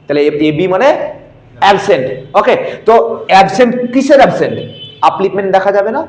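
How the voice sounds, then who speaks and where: A man's voice: high-pitched, lively intonation, quick pace. A man teaching a geography class, spelling out terms letter by letter and drilling the students. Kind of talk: classroom lecture. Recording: echoey room.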